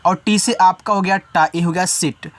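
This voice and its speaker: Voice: mid-range voice, steady tone, moderate pace. A teacher giving a step-by-step spelling lesson, spelling each word out letter by letter and then explaining it directly to the learner in an informal way. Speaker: English teacher.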